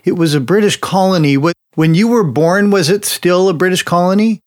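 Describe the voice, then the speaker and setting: A man hosts an interview show, speaking enthusiastically and warmly and laughing often. His voice is high and a little fast.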